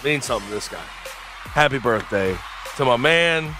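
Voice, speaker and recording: Animated male sports radio host. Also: medium pitch, normal speed, over music. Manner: animated, chatty, emphatic. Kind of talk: casual sports talk. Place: radio studio.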